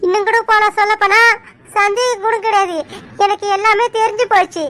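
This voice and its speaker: A woman's voice: very high-pitched, steady tone, brisk, a bit bright. A woman voicing a suspicious young village wife in a cartoon, accusing and insistent. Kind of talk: cartoon voice acting.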